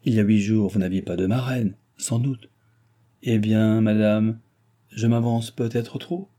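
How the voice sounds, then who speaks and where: A man reading an audiobook, voicing an excitable, scheming nobleman with a theatrical, insinuating manner. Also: on the low side, measured pace.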